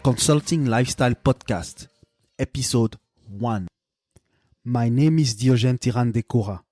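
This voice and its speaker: A man in his late thirties from Belgium, a native French speaker with a Belgian French accent, hosting a solo podcast in a measured way with frequent fillers and restarts. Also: mid-range voice, warm tone, no echo, studio quality, faint music behind. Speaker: podcast host.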